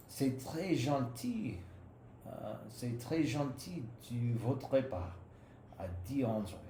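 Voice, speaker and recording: Slow, hesitant man in an echoey room. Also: medium pitch, warm tone. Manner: hesitant, halting, self-correcting. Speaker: language learner reading aloud. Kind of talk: reading practice session. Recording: roomy room with faint background noise.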